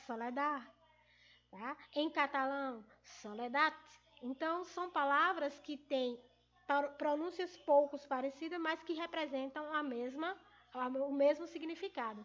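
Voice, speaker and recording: A woman teaching in a video lesson, explaining patiently and pausing often to check that her students follow. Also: high voice, a bit bright, lo-fi sound. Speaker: Portuguese teacher.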